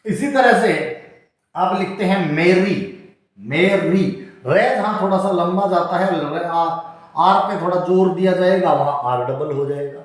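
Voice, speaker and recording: An English teacher with a high male voice, speaking at normal speed, delivers a classroom-style lesson, explaining step by step and spelling out example words. The room is very echoey.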